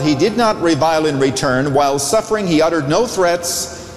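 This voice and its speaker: Man preaching at a pulpit microphone. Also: a little high. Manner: storytelling, lively and expressive. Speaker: pastor. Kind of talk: sermon. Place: large church sanctuary. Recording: echoey church hall with long reverb.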